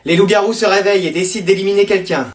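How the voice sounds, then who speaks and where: A man's voice: high voice, fairly even intonation, very fast. A man playing several roles in a comedy sketch, with wry, teasing back-and-forth.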